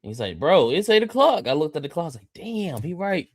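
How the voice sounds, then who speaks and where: A thirty-year-old American man co-hosts a livestream with boisterous, slangy, joking chatter, repeating phrases for emphasis. His fairly high voice is very animated and brisk, and the sound is clean studio quality with no room sound.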